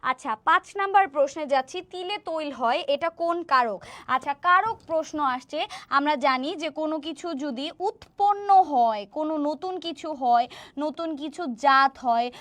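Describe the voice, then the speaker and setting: A young woman teaching an online exam-prep class. She explains slowly, drags out key words, repeats the answers, slips in English words and keeps asking her students "right?". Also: sits high, expressive, a bit bright. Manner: encouraging, motivational asides. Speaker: admission test tutor.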